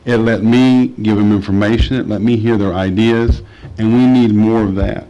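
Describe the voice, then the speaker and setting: Measured man council member. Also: fairly low pitch, steady tone, warm tone, lo-fi sound. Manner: measured, starts with halting fillers. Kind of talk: remarks at a council meeting. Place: council chamber.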